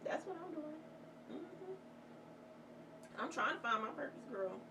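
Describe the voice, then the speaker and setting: A woman vlogger with a high-sitting, expressive voice talks a little fast as she does her makeup in a casual get-ready-with-me chat. Candid and rambling, she swears freely while giving heartfelt motivation. A distant mic picks up clear background noise.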